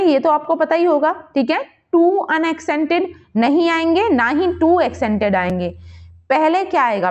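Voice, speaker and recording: High-voiced woman teacher, lo-fi sound. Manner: reads English options slowly, explains in quick Hindi. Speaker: English literature teacher. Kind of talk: exam quiz lesson, reading questions and options. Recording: dull lo-fi recording.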